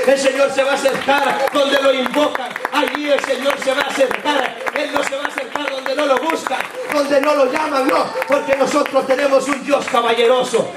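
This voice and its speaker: A man preaching a sermon in a church, impassioned and repetitive, his voice rising into shouts. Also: extremely high pitch. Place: church hall. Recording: echoey hall from far off.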